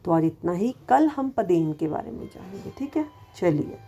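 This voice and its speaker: A woman's voice: on the low side, lively intonation, moderate pace, mellow, highs cut off, soft background music. A woman teacher giving a recorded lesson to children, patiently asking questions and answering them herself, repeating each word carefully to show its sound.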